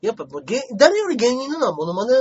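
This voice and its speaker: A man's voice: extremely high pitch, wildly swooping pitch, quick pace, darkish tone. A man co-hosting a talk show, bantering casually with emphatic reactions. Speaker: radio show co-host. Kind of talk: casual chat. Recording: dull lo-fi sound.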